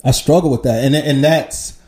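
A man's voice: medium pitch, normal speed, a little mellow. A man in his forties talking candidly in a casual podcast chat, swearing freely and laughing easily. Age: 40s. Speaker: podcast guest.

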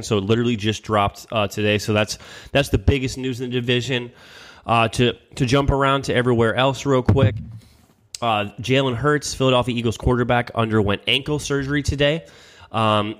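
A man's voice: mid-range voice, a bit bright. A young man hosts a casual football podcast in a chatty way, full of ums and restarts. He has an everyday, mid-height voice. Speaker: podcast host. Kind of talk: casual sports podcast chat.

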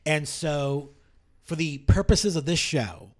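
A man's voice: fairly high pitch, expressive, takes it slowly. A man from New York hosting a podcast in casual, rambling, enthusiastic chat. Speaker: podcast host.

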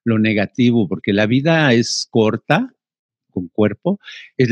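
Older man, husky, chatty storyteller who fills gaps with sounds. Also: medium pitch, no room sound. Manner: rambling, with filler sounds like "ta, ta, ta". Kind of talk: casual conversation.

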